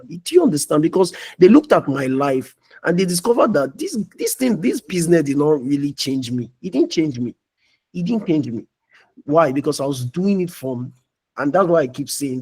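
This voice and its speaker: A man's voice: on the high side, a little mellow, breathy edge. A young man giving a preachy motivational talk as a mentor in a live online meeting, often asking "you understand?".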